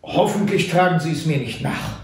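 A man's voice: fairly high pitch, animated, normal speed, gravelly, recorded from a distance, pitched above the performer's own voice. A man reading aloud and voicing an old settler who speaks formally and apologetically. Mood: apologetic. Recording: echoey room.

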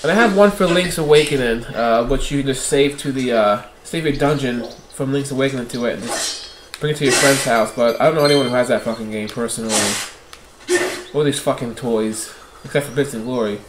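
A man's voice: mid-range voice, fairly quick, background noise. A man giving casual let's-play commentary, swearing often and ranting irritably at the game. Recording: roomy echo with game music. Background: game music.

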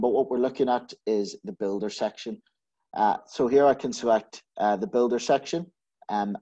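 A man giving a methodical screen-share software walkthrough, explaining each step with frequent filler sounds. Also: on the low side, slightly rough. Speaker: solutions architect giving a software demo.

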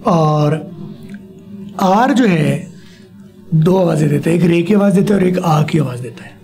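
A male teacher with a gravelly edge and a mellow, relaxed tone, running a spoken language lesson. He models each word slowly and patiently, then has his pupil say it back, with faint music underneath. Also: fairly high pitch. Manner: drills words slowly for a pupil to repeat. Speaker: English teacher.

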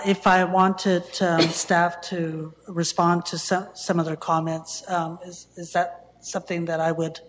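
Hesitant woman councillor, flat voice. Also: fairly low pitch. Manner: hesitant, many fillers and restarts. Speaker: city councillor. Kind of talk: council meeting discussion. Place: council chamber. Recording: long reverb, faint room noise, council chamber.

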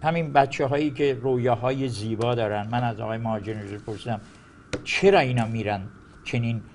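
A man speaking as a guest commentator on a political panel, emphatic and argumentative, dropping his voice low on his conclusions. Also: steady tone, darkish tone, slight background noise.

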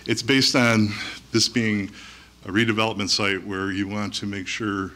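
A middle-aged man presenting a site plan at a public meeting, halting with fillers and restarts, recorded from far across a large town hall room. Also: on the low side, flat delivery. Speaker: applicant's representative. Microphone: far camera. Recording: echoey hall from far off, loud noise.

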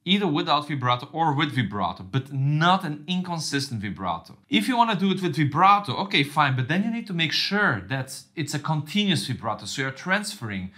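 Guy giving a cello lesson, bright forceful voice, talks straight to the camera like to friends. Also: fairly high pitch, very animated, fairly quick, few pauses. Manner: friendly, direct, addresses viewers as friends. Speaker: cello teacher. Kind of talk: instructional video lesson.

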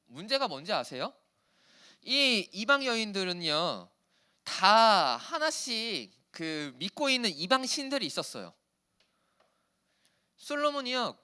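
Lively, animated young pastor. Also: male voice, high voice, clear, resonant tone. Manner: animated, teasing the teens in casual speech. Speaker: youth pastor. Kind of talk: youth sermon. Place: church hall.

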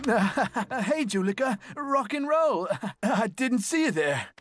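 A goofy rock star dad in a cartoon. He is flamboyant and exuberant, pitched high for a man and swinging up and down, with faint music behind him. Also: lively intonation, slow, a bit bright, exaggerated voice. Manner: exuberant, showy, chuckling. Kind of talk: animated cartoon dub acting.

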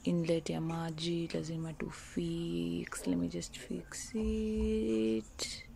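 A vlogger with a Kenyan accent chats casually and playfully while narrating a chore, switching languages mid-sentence. Her voice is fairly low, warm and creaky, slow and level in tone, with clicking and water sounds behind her.

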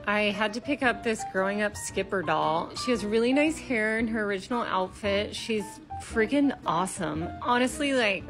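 A woman's voice: mid-range voice, lively intonation, normal speed, over music. A woman collector giving an enthusiastic, gushing voice-over about her vintage finds in a casual show-and-tell.

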